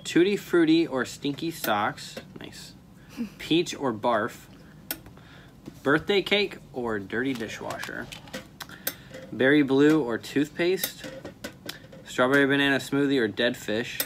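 A man's voice: medium pitch, expressive, a little slow, a little hiss or hum. A young man co-hosting a home vlog in casual chat, recorded at a table by a camera a short way off. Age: young adult. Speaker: vlog co-host. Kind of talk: casual chat, reading items aloud. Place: small room at home, at a dining table.

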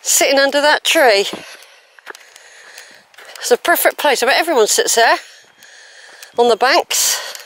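Out on a countryside hillside trail, a woman vlogs her hike on a handheld camera, chatting as she walks, musing, questioning the route, and sighing between remarks. Her voice sits high and a bit bright, expressive and a little slow with long pauses, and the audio is poor.

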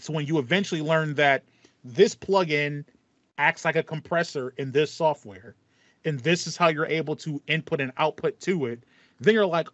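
A young man hosts a podcast, chatting casually and acting out his reactions while telling stories. His voice is a little high and a bit bright, and the lo-fi recording has no room sound. He's indoors in a small home room fitted with a foam panel.

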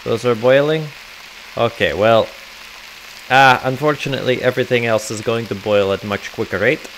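A gamer playing a cooking game gives casual commentary in a put-on comic Russian accent, dropping articles and joking to himself while he cooks. His mid-range voice is a bit bright and moves at a moderate pace, and he rambles along. The low-quality recording carries slight background noise.

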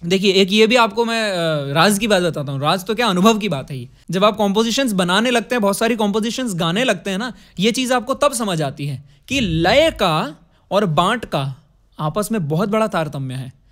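A man's voice: sits high, animated, moderate pace, fairly bright tone. A man teaching music, explaining rhythm with counted beats and short sung phrases. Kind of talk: music lesson with sung examples.

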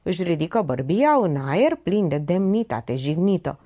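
A woman reading a novel aloud in calm, even narration. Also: lowish voice, dull audio. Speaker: audiobook reader. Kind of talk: scripted narration.

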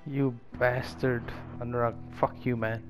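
Swearing, laughing gaming streamer. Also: male voice, medium pitch, flat delivery, unhurried, over music. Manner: swearing, laughing, mock-dramatic. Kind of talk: casual gameplay commentary.

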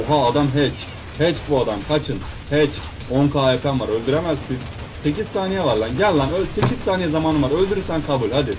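A young man rattles off rowdy gameplay commentary, cursing and taunting other players between asides to his viewers. His voice sits at an ordinary middle pitch. A steady hiss of noise runs under the recording. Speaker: gaming YouTuber. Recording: background noise.

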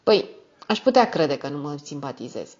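A woman's voice: low voice, sing-song, muffled recording, pitched below the performer's own voice. A woman reading a shy, evasive young man. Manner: soft, hesitant.

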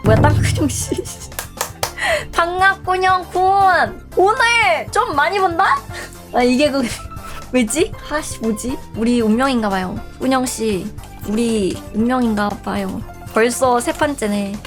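A woman's voice: high-pitched, sing-song, slow pace, fairly bright tone, faint music behind. A young woman streaming a game, chatting playfully and teasing her viewers and teammates. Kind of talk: live game streaming chat.

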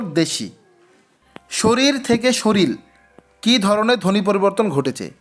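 A man teaching an exam-prep quiz lesson, reading each question twice before giving and explaining the answer. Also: high voice. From West Bengal.

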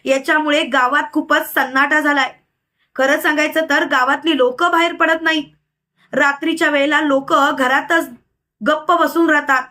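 A woman's voice: sits high, fairly even intonation, moderate pace, pushed and bright. A woman voicing a stern, determined male village holy man in a retold story, scolding and commanding.

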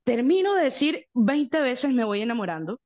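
A young Venezuelan woman, a guest in an interview, telling her story in lively detail, acting out quotes and breaking into song. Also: a little high, moderate pace. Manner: animated storyteller, acts out quotes, bursts into song.

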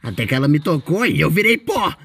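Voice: medium pitch, very animated, a little fast, gravelly. A performer voicing a mischievous, boastful male ink demon in character while commenting on a game, with a playful, exclamatory manner.

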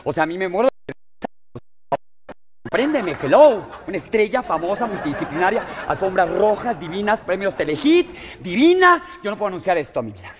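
A woman's voice: medium pitch, very animated, a little fast, in a large hall, noisy background, lightly acted. A woman with a Mexican accent playing a vain, dramatic blonde actress in a live comedy sketch, gushing and calling everyone "mi vida". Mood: diva huffing. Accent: Mexican Spanish. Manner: campy, gushing, peppers lines with "mi vida" and "hello". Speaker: comedy performer.

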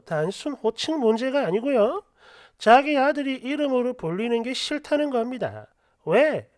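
A woman narrating online posts and their comments for a story channel, expressive and quick with sharp asides. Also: fairly high pitch, no room sound, studio quality.

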